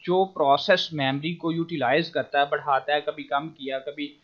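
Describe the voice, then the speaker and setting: A man's voice: fairly high pitch, fairly even intonation, moderate pace. Man teaching over choppy, cutting-out call audio. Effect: choppy audio that cuts out over an online class call. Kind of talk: online programming lecture. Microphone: computer mic on a video call. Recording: dull lo-fi online call audio.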